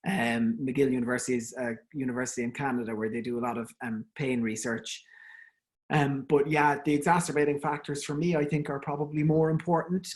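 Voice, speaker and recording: A man's voice: mid-range voice, steady tone, fairly quick. An Irish man, a dental specialist, gives a conversational online lecture to fellow dentists, with frequent ums and restarts. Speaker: endodontist giving an online talk. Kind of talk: informal webinar lecture.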